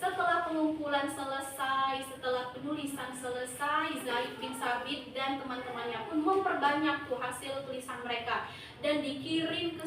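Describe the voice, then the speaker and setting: A young woman student teacher giving a lively classroom lesson, asking the class questions. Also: sits high. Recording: echoey classroom, far from the mic, noisy.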